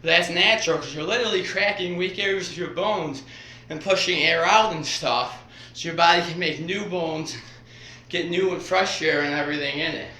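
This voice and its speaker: A man talking casually while demonstrating stretches, out of breath and rambling in halting phrases strung together with "and". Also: on the high side, bright, forceful tone. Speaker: vlogger. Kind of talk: casual exercise demonstration vlog. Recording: roomy echo, faint background hiss.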